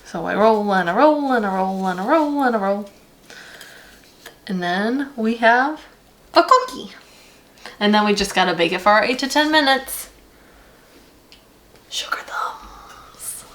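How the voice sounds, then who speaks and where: A woman's voice: medium pitch, expressive, moderate pace. A woman chatting playfully while baking cookies at home for a vlog. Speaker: vlogger. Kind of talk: casual home vlog chat. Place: home kitchen.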